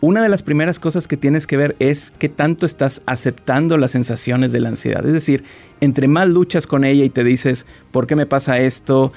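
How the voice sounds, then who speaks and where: A man appearing as a guest therapist, calmly explaining how to handle anxiety in an interview. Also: mid-range voice, normal speed, faint music behind. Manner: calm, explanatory.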